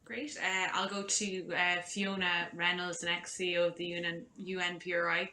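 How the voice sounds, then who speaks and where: A woman's voice: lowish voice, level tone, normal speed, sharp tone, a little hiss or hum. A woman moderating an online panel, reading formal introductions from a script over a video call. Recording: roomy echo.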